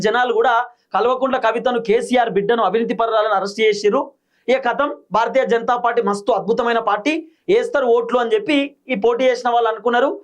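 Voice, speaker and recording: A man with a Telangana Telugu accent delivers political commentary at a rapid clip. His voice sits notably high, and he hammers each point home in short, repeated phrases.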